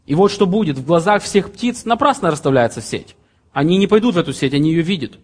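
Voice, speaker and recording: A man's voice: a little high, animated, fast talker, husky. Earnest man in his thirties preaching. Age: 30s. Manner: earnest, reads scripture aloud then explains in plain examples. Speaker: pastor. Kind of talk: sermon.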